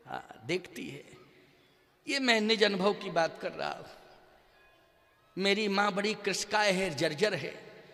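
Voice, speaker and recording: A man's voice: sits high, bright, forceful tone, in a large hall. An older man giving a devotional sermon to an audience, speaking emphatically, throwing rhetorical questions to the listeners and sometimes chanting verses in a sung tone. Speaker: spiritual teacher.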